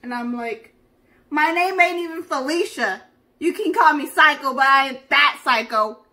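A woman plays a theatrical would-be celebrity in a comedy sketch, slangy and full of attitude. Her voice sits high and bright, and she takes her time, drawing out her complaints. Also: slow. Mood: indignant. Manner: slangy, theatrical, swings from hushed confiding to loud indignation. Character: dramatic, sassy young woman who thinks she is famous. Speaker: interviewee.

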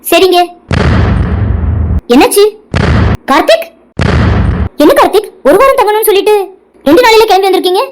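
A woman voicing a worried middle-aged mother in a cartoon, asking anxious questions in a high voice. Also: lively intonation, moderate pace, pauses often, slight background noise. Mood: concerned.

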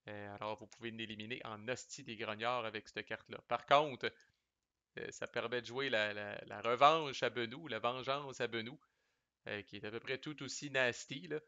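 Québécois male reviewer, bright and forceful delivery, chatty and slangy, dry slightly muffled recording. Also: medium pitch, steady tone, moderate pace, dry recording. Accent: Québécois French. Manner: chatty, loose, sprinkles English game terms and salty slang. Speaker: board game reviewer. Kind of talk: casual explanatory commentary.

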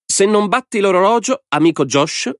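A man's voice: high voice, lively intonation, moderate pace, no echo, clean studio sound, pitched above the performer's own voice. A man voicing a gleeful, mad male lord in an audiobook, a theatrical villain who talks in a mocking, sing-song, grand way. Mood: gleeful menace. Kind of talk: audiobook character voice.

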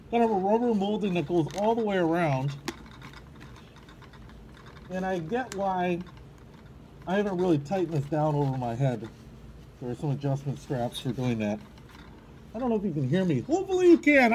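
Chatty male vlogger, voice muffled through a full face snorkel mask, raised pitch, faint background hiss. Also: dark tone. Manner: chatty, upbeat. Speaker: product reviewer. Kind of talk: casual product review vlog.

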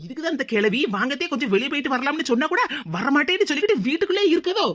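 Woman voicing a bright-voiced grumbling daughter-in-law. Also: sits high, lively intonation, rapid-fire. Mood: complaining. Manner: complaining, indignant. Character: aggrieved young village daughter-in-law. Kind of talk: cartoon voice acting.

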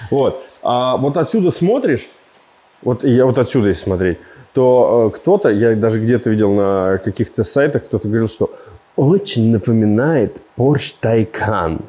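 A man's voice: mid-range voice, normal speed. Joking man reviewing a car. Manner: joking, rambling, animated with gestures.

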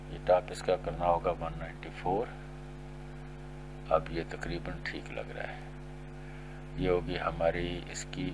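A middle-aged man with a very low voice talks through a screen-recorded coding tutorial. He explains each step in a steady, polite way. A faint hum sits under his voice. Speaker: tutorial instructor.

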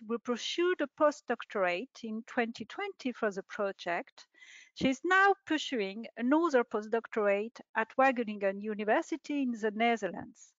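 A middle-aged woman, a researcher, reading a prepared presentation in a measured, formal way over a video call. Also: on the high side, dry recording. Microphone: video call webcam. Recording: dull lo-fi webinar audio.

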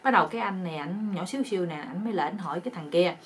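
A woman's voice: lowish voice, racing, slight background noise. A woman telling a comic folk joke in a chatty, colloquial way. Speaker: storyteller. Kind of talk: casual comic storytelling.

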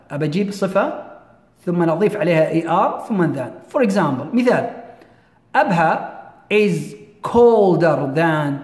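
Man, high voice, echoey room, slow deliberate English. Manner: switches between slow, drawn-out English and quick Arabic explanations. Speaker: English teacher. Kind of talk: bilingual grammar lesson.

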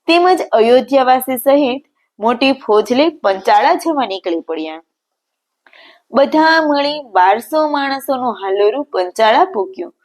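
A woman telling a devotional story as scripted narration, in a measured, reverent recitation. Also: on the high side, a little mellow.

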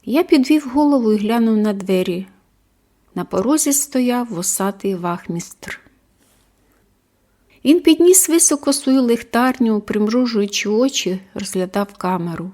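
A woman narrating a first-person story as an audiobook reader, with a measured, expressive delivery. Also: fairly high pitch.

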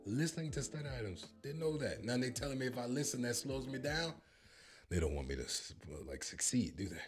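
His medium-pitched voice is sing-song and brisk, with music playing in the background. The speaker, a thirty-something American man, jokes and boasts as he reacts playfully to a language-learning app, holding a handheld mic in his purple-lit home studio.

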